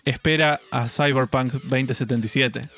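Relaxed man chatting about games. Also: mid-range voice, moderate pace, faint music behind. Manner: relaxed, hesitant, repeats words as he goes. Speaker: gaming news co-host. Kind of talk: casual gaming news chat.

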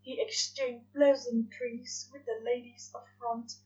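A woman reading fanfiction aloud in soft, measured narration. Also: on the high side, little pitch movement. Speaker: fanfiction reader. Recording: dull lo-fi recording.

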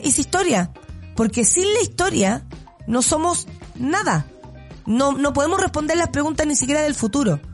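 A woman with a Chilean accent hosting a radio show, giving blunt, sarcastic commentary and laughing often. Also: high-pitched. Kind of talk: casual opinionated radio commentary.

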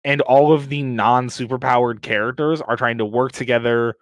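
Young man, frat-bro slang and swearing, casual chat, mid-pitched, very little room sound. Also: steady tone, normal speed, no echo. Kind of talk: casual group chat about games and anime.

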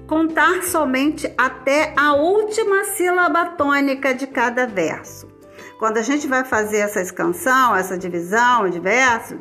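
A Brazilian woman teacher with a Brazilian Portuguese accent and a fairly high voice, talking her students through a lesson in a relaxed, chatty way. She keeps checking in with little tag questions as she goes, with faint music playing behind her. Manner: chatty, explains step by step with many "tá bom?" and "né?". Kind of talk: casual recorded lesson for students.

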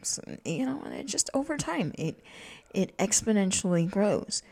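A woman's voice: big pitch swings, normal speed, vocal fry, darkish tone, slightly rough. A young adult woman talking in a rambling, casual monologue, full of fillers and restarts, acting out quoted lines. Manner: meandering, many fillers and restarts; acts out quoted voices with jumps in pitch. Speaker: podcast host.

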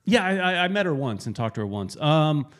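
A man's voice: fairly high pitch, brisk. Rambling man in a casual sports chat. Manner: rambling, self-correcting, animated bursts. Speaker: podcast co-host.

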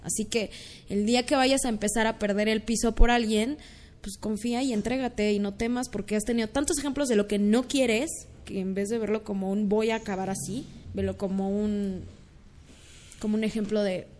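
A young woman with a Mexican accent in casual, earnest chat, telling stories and dropping to soft murmurs. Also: mid-range voice, steady tone, normal speed. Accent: Mexican Spanish.

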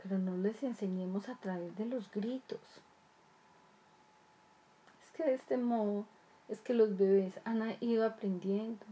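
A woman's voice: medium pitch, fairly even intonation, a little slow, long pauses, warm tone, a little hiss or hum. A woman talking earnestly to parents about raising children, repeating phrases and asking rhetorical questions. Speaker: child development speaker. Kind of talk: explanatory talk to parents.

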